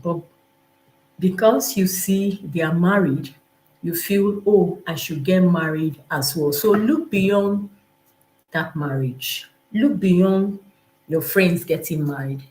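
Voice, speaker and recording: On a live stream, a woman with a Nigerian accent gives informal, motivational teaching in a lowish, slightly mellow voice, taking her time. She speaks emphatically and conversationally, repeats herself a lot, and acts out imagined remarks. The sound is roomy and echoing.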